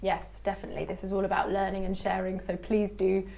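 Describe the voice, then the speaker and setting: A woman's voice: medium pitch, monotone, fast, creaky, darkish tone, slight background noise. A woman from England with a modern British RP accent and a touch of Estuary, presenting a conversational English lesson as the host. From Bedfordshire, England.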